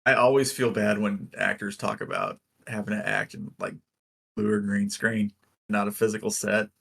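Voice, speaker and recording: A man co-hosts a podcast, rambling enthusiastically through a casual movie review chat full of fillers. His voice is fairly low, gravelly and fairly bright with a breathy edge, and it stays fairly flat at a normal speed.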